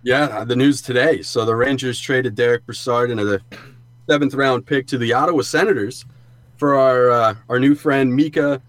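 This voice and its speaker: A man's voice: medium pitch, moderate pace, no echo. A man co-hosting a sports podcast, explaining things in an informal, conversational way. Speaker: podcast co-host. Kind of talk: casual sports analysis chat. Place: sound booth in a studio.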